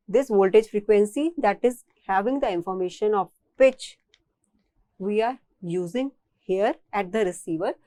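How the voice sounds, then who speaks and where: The speaker is a woman with an Indian accent lecturing on engineering in a mellow, medium-pitched voice, recorded dry. Her explanation proceeds stepwise, with phrases regularly repeated and reworded.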